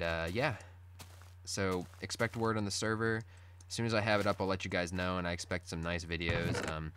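Low-pitched man, morning voice, noisy recording. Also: fairly bright tone. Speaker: gaming video host. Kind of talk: casual Let's Play update chat. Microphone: recorded through screen-capture software. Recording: poor audio with background noise.

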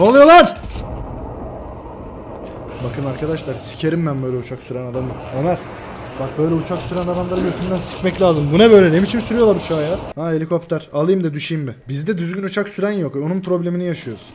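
Excitable high-voiced man commentating a game. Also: fast, a little hiss or hum. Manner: excitable, swears and shouts at teammates. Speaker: gameplay commentator. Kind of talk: live gaming commentary.

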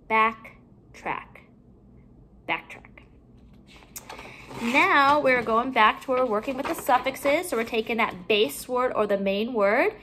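Slow, careful woman teaching phonics. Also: a little high, sharp tone. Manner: slow, deliberate, stretched-out enunciation of each word. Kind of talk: phonics lesson for young children. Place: at home.

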